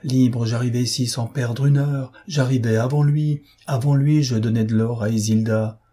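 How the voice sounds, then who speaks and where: A man voicing a proud, defiant gentleman thief in an audiobook, mocking and self-assured. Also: mid-range voice, fairly even intonation, normal speed, breathy edge, close to an everyday voice. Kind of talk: audiobook character reading.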